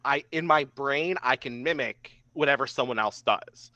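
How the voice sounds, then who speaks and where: A young man with a sharp, mid-range voice and moderate pace casually recalls the past as a podcast guest, filling his sentences with "like." There's no room sound, and the podcast mic comes across dry and slightly dull.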